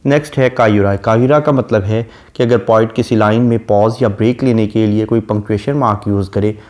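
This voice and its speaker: A man, lecturing on a poem and explaining each line in a steady teaching manner. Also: lowish voice. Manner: reads quoted verse slowly, explains at an even teaching pace. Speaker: literature lecturer.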